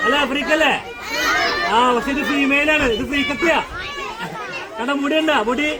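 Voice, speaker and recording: Guy with a really high voice teaching kids on a farm, loud crowd of children all around, lots of outdoor noise. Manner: playful, keeps quizzing the kids with questions; raises voice to be heard over the children. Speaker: farm guide teaching schoolchildren. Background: loud chatter of many children outdoors.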